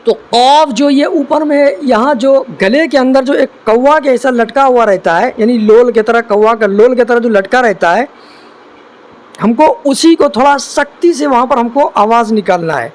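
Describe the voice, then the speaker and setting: A male Quran teacher giving a beginners' lesson, drawing out each Arabic letter slowly and then explaining it with repeated questions. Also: very high voice.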